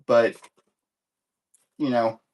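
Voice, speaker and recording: A man's voice: medium pitch, flat delivery, extremely slow, muffled recording. A man hosting a live comic book sales stream in casual chat, rambling and easygoing as he corrects himself and cracks light jokes.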